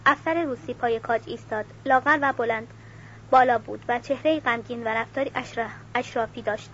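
A woman reading a novel aloud in a steady, even voice, now and then correcting a slip. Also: fairly high pitch. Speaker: audiobook reader. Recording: dull lo-fi recording with faint hiss.

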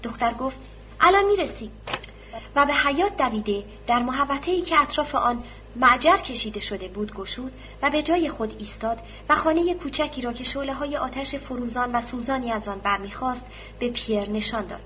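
A woman narrating a novel in a steady, formal reading style. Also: fairly high pitch. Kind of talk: audiobook narration. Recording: slightly dull recording, faint hiss.

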